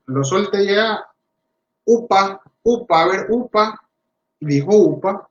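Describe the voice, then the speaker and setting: A male speech therapist giving a talk to parents, animated and acting out the voices of parents and children as he explains. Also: a little high. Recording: roomy, dull lo-fi audio.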